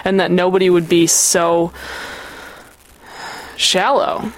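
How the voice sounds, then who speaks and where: A woman co-hosting a radio talk show, wry and quick to laugh. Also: lowish voice, steady tone, no echo, low-quality recording. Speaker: radio co-host. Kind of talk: casual comic chat.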